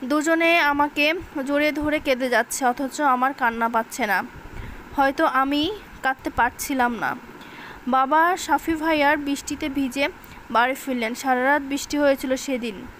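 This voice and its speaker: A woman's voice: sits high, normal speed, a bit bright, slight background noise. A woman narrating a grief-stricken short story in an emotional audiobook reading, giving voice to the wailing characters as well.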